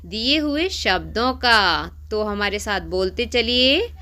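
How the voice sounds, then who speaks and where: A woman's voice: medium pitch, expressive, slow, sharp tone. A woman teaching a Sanskrit lesson to schoolchildren in speech, asking them to repeat words after her. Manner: coaxing, asks pupils to repeat after her.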